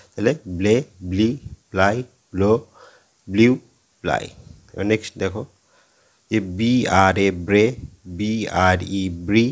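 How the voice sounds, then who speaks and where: A man teaching a lesson, patiently spelling out letters and often checking in with his listeners. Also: low-pitched. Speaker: English teacher. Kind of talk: explanatory lesson.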